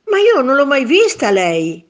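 Lady doing a little storybook boy, high squeaky pleading voice. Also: wildly swooping pitch, measured pace, exaggerated voice. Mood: tearful. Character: anxious tearful young boy, invisible to everyone.

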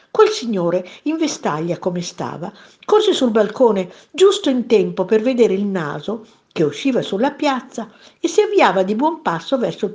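A woman narrating a children's story in a playful, expressive way. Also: lowish voice.

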